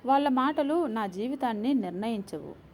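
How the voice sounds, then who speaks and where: Storybook young wife, steady and earnest, slightly high pitch, read by a woman narrator. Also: normal speed, a little hiss or hum. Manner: earnest, resolute. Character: young woman, gentle but firm bride.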